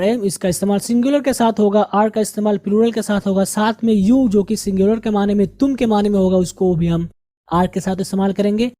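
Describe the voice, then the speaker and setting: A woman teaching English with an Indian Urdu-speaking accent, her voice mellow and dark. She goes through words at a slow, deliberate pace and repeats each one for pronunciation. The recording is close and dry. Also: mid-range voice, dry recording. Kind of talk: grammar and vocabulary lesson.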